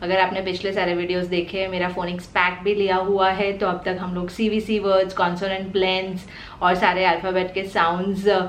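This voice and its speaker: A woman with an Indian accent, hosting a parenting channel and patiently explaining phonics step by step, sounding out letters slowly. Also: lowish voice, level tone, echoey room, a little hiss or hum. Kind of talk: explanatory home teaching video.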